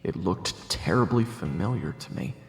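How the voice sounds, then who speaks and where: In an audio drama, a man plays a calm, courteous investigator who narrates his own tale in the first person and also speaks dialogue. His creaky voice stays measured, low-key and reflective, set against an echoey space with long reverb and music behind.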